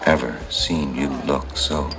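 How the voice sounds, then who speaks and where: An actor playing a smooth, coaxing divorced man trying to win back an old love. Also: rumbling low, fairly even intonation, unhurried. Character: smooth-talking divorced ex-lover. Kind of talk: sitcom acting. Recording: music playing underneath.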